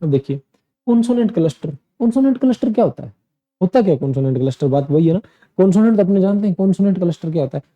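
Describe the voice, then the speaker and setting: Very dark-voiced man teaching pronunciation. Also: high-pitched, animated, rapid-fire, highs cut off. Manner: drills word lists aloud, asks and answers his own questions. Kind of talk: screen-share lesson.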